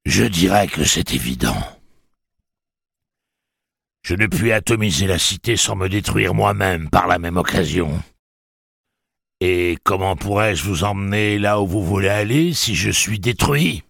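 A man's voice: sits low, animated, measured pace, creaky, long pauses, a bit bright, slightly rough, no echo, clean studio sound, pitched above the performer's own voice, exaggerated voice. A man voicing a cruel talking monorail machine that toys with the people it threatens, in a mocking, cold way. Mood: menacing.

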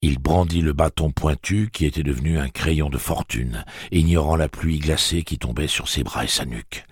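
A man reading a dark fantasy audiobook in an expressive storytelling manner. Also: rumbling low, moderate pace, breathy edge, no echo, clean studio sound. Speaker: audiobook narrator. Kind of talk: dramatic audiobook narration.

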